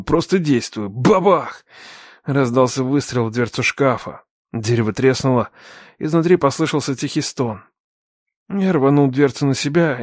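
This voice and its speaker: A man narrating a dramatic story in the first person, tense and urgent, raising his voice for shouted dialogue. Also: medium pitch, no room sound, studio quality.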